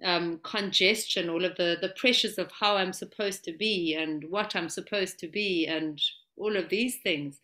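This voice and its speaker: Woman, spiritual guest, flowing searching speech, bright sharp tone, lowish pitch. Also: measured pace, few pauses. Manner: flowing, searching phrases, repetitive. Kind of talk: spiritual conversation.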